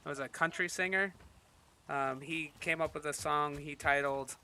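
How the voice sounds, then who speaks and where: A man's voice: a little high, fairly even intonation, normal speed, bright, forceful tone, slight background noise. A man hosting a stream, talking loosely with lots of fillers and frequent laughter. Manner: laughs often, loose and chatty with many fillers. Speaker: stream host. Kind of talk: casual chat.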